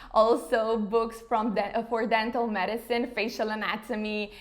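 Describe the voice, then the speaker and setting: A woman in her thirties from Slovenia, an English speaker, chatting casually in an interview with frequent fillers like "you know". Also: a little high. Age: 30s. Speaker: interview guest, face yoga founder.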